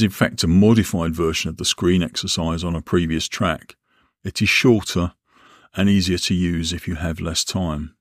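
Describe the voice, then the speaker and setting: A man narrating a guided relaxation and visualisation exercise as an instructor, in a measured, instructional way with deliberate pauses. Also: deep voice, no echo, studio quality.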